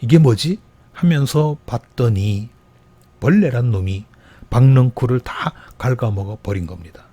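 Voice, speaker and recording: A male pastor delivers a Sunday sermon, retelling a scripture story with lively emphasis in the quoted parts. His voice is dark and a little husky. The sound is dry and close, with almost no room echo. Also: medium pitch, a little slow. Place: church.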